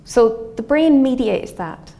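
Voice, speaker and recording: A middle-aged woman from Galway with a west of Ireland accent, a scientist giving an explanatory lecture in a thoughtful, halting, semi-conversational way. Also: fairly high pitch, vocal fry. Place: indoor wood-panelled lecture room. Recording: faint steady room noise.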